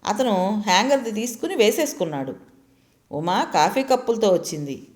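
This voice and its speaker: A woman narrating a family story in a steady, expressive reading. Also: mid-range voice, normal speed.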